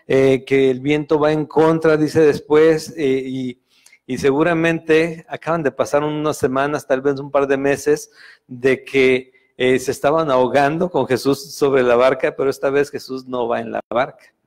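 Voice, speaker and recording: A man's voice: medium pitch, flat delivery, measured pace. A man with a Mexican Spanish accent giving a Sunday Bible study sermon, speaking conversationally with frequent fillers and self-corrections. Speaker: pastor. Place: church meeting room.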